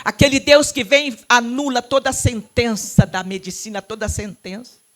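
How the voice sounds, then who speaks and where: Brazilian lady pastor preaching in church, super fervent, loud then hushed, speaks in tongues. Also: a little high, normal speed. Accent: Brazilian Portuguese. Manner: impassioned, swinging from loud cries to hushed tones, speaking in tongues. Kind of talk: fervent Pentecostal sermon. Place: church sanctuary.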